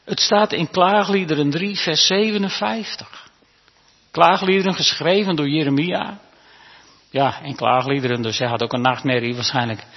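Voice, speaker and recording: A man preaching a sermon to his congregation in a church, talking warmly and conversationally, asking them questions and sometimes restarting his words. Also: fairly high pitch, fairly even intonation, normal speed, breathy edge. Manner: stammering restarts. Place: church hall. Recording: reverberant hall, dull lo-fi sound.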